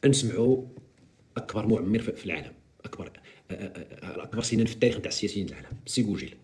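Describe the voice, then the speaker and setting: A Moroccan-accented man rattles off political commentary at breakneck speed on a live stream. His pitch leaps and dips all over the place as he mocks and teases. The delivery is sarcastic and animated. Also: rapid-fire.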